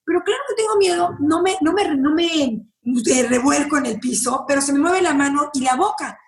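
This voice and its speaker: Mexican woman, high-pitched, blunt, expressive, swearing, candid interview talk, roomy echo. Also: moderate pace. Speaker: guest.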